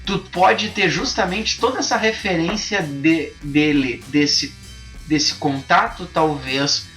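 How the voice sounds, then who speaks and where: A man's voice: fairly high pitch, takes it slowly, a bit bright, faint music behind. A man, hosting a casual film review chat and thinking aloud with frequent restarts. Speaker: podcast host.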